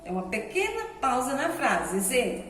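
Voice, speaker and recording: A woman teaching a grammar lesson to young children, explaining slowly and patiently and checking in often with her pupils. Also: sits high, sing-song, fairly bright tone, a little hiss or hum. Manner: slow, patient explaining with frequent "né?" and "ó". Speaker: primary school teacher. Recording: echoey room from far off.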